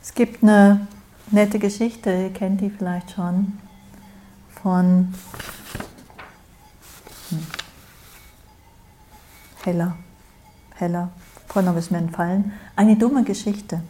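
A woman's voice: mid-range voice, steady tone, warm tone, a little hiss or hum. A woman meditation teacher giving a dharma talk, speaking reflectively and often checking in with "ja?". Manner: slow, reflective, with frequent "ja?".

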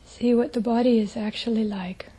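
A woman teaching a guided meditation speaks gently, her voice soft, breathy, and hushed, with long pauses throughout. Her pitch is fairly high and her intonation fairly even.

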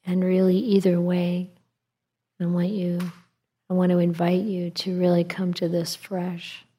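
A woman leading guided meditation as a teacher, in a calm, gentle meditative manner with long pauses and a soft, slightly husky voice. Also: fairly low pitch.

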